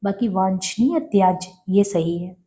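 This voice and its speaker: A woman with a warm, mellow voice teaches spelling for exam preparation. She reads out each word several times and poses questions that she then answers herself, in a steady mid-range pitch. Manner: repeats each word slowly, asks and answers own questions. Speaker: Hindi teacher. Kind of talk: exam-prep spelling lesson.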